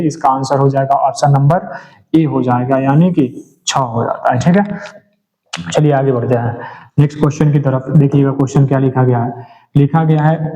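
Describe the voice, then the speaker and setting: In an exam-prep lecture, a male teacher works through questions one by one, reading each aloud and then answering it himself. His voice is on the high side with a dark tone, and the recording has a dull lo-fi sound.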